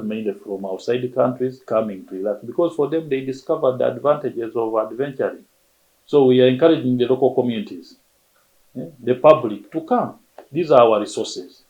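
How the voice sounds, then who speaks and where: A man speaking unscripted in an interview as a park official, reflective and halting. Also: on the low side, darkish tone, rough recording.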